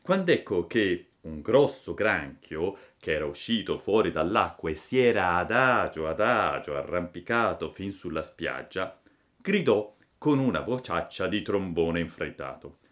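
A man calmly reading a classic children's story aloud as narrator. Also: low voice, a little slow.

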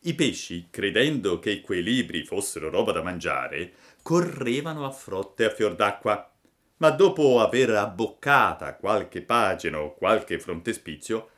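A man calmly reading a classic children's story aloud as narrator. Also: lowish voice, a little slow.

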